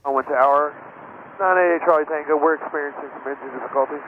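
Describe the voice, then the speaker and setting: A man's voice: on the high side, fast talker. A male pilot speaking through a cockpit headset over air traffic radio, giving terse, procedural calls to the tower. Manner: clipped and procedural, calm under an engine problem. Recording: tinny phone-like radio channel with faint noise.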